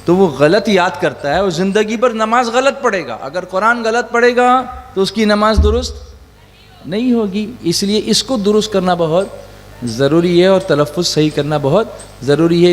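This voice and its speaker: A middle-aged man teaching children about religion, mixing in English and asking them questions that he makes them answer back. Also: high voice. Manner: asks the audience questions and drills answers back. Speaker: Quran teacher. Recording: echoey hall with faint hum.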